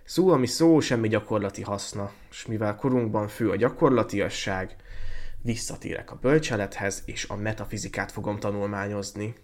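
Brief: fairy-tale youth, hot-headed student, exclaims a lot; reader doing the voice. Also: male voice, fairly low pitch, natural voice. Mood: indignant. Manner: exclaiming, indignant. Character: impulsive young male student, lovesick then bitter.

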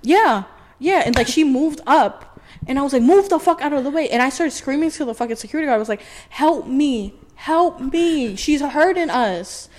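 Profane, animated young woman telling a story. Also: high voice, fast, poor audio. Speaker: podcast co-host. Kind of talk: casual storytelling chat.

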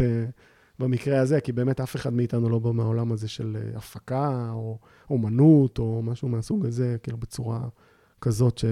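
A man speaking as a podcast guest, explaining a volunteer memorial project in a halting, searching way with frequent pauses. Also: medium pitch, creaky, mellow, no echo, studio quality. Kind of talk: casual conversation.

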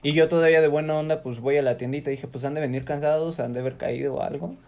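Young man with a Mexico City accent and a slightly high voice spins a rowdy, slang-filled story for his podcast friends. He talks loosely, laughing along the way. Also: fairly even intonation, fast, a little mellow. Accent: Mexico City Spanish. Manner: crude slang-heavy anecdote telling with frequent laughs. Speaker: podcast host. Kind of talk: casual storytelling chat.

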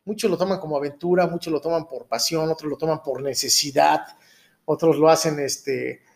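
A Mexican man in his thirties with a notably high voice hosts a casual podcast. He talks in loose street slang, rambling and tagging his sentences with little checks for agreement. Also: fairly even intonation, brisk, gravelly. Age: 30s. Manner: rambling, keeps seeking agreement with tag questions. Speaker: podcast host.

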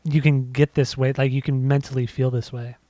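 A man co-hosts a relaxed podcast chat and rambles through his points with plenty of restarts and fillers. He sounds winded, still catching his breath, and his voice is mid-pitched. The sound is close and dry, with no room around it. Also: fairly quick, dry recording. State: out of breath after a bike ride. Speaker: podcast co-host. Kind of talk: casual music podcast chat. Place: home.

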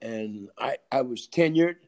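A man's voice: medium pitch, lively intonation, unhurried, creaky, darkish tone. An older man, an author and poet, telling stories in a casual interview, repeating himself and laughing often.

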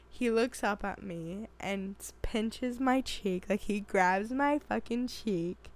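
A woman in her twenties telling a story in casual chat, acting out what people said and laughing often. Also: on the high side. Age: 20s. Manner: animated storytelling, acts out quotes, laughs often. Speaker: vlogger.

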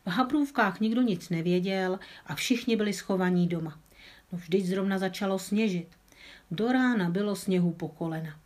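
A woman calmly reading a children's story aloud, with an occasional small slip of the tongue. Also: medium pitch. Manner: calm, with small slips.

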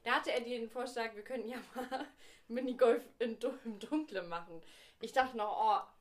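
A woman's voice: a little high, moderate pace. A young woman in a casual podcast chat who giggles a lot while telling a dating story. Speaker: podcast co-host.

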